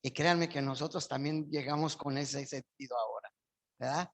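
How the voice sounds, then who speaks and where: A man's voice: mid-range voice, fairly even intonation, moderate pace, fairly bright tone. A male pastor preaching a sermon in church, his voice surging up with emphasis on key phrases.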